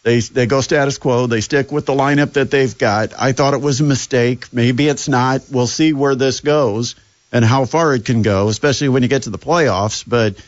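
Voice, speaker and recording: A man's voice: mid-range voice, no room sound, highs cut off. Chatty sarcastic man hosting sports radio. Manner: sarcastic, chatty, lots of fillers. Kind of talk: casual sports talk.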